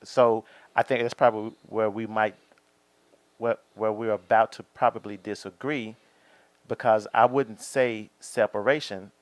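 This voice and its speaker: Male co-host, low voice, probing and affirming, dry close mic. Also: steady tone, unhurried, no echo. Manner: probing questions, frequent affirming hums. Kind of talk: casual podcast interview.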